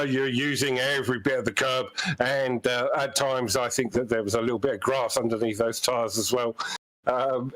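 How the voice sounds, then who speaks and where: A man's voice: medium pitch, fairly bright tone, rough recording. A man commentating from the booth, asking the race winner questions in a friendly, easygoing way. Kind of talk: post-race interview.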